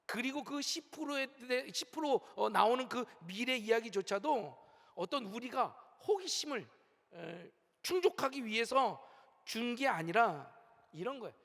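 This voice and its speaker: Speaking at a measured pace, a middle-aged senior pastor uses a very high, gravelly, fairly bright voice with lively intonation. His emphatic sermon rises and falls as he leads call-and-response, recorded with long hall reverb in a large church sanctuary.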